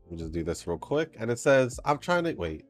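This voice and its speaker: Brisk and very animated, a man with a mid-range voice runs a gaming channel and chats casually over play through a congested, stuffy nose. Between comments he rambles and laughs, with faint game music in the background.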